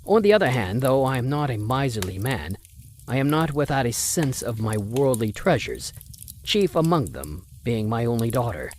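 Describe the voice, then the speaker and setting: In an old-time radio drama, a voice actor plays Mister Spencer, a stern, condescending wealthy older father turning away a suitor. His mid-range voice swings widely in pitch at a moderate pace, with slight background noise.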